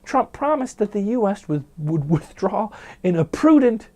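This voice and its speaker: A man's voice: high voice, big pitch swings, normal speed, a little mellow. A man hosting a news commentary show, delivering headlines with snarky, jokey asides.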